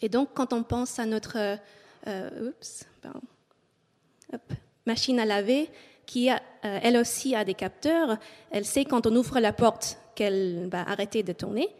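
Before an auditorium crowd, an English Canadian woman reads her French talk from notes, pausing often on filler sounds and carrying her accent into the French. The voice sits on the high side with a darkish tone and a measured pace, and long hall reverb trails each phrase.

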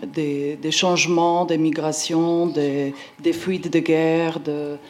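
A woman's voice: sits low, level tone, slow pace, a little mellow. Hesitant woman with a Slovenian accent. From Slovenia, former Yugoslavia. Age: 40s. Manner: hesitant, searching for words, stumbles on long words. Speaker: independent art curator, panel speaker. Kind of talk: informal conference talk.

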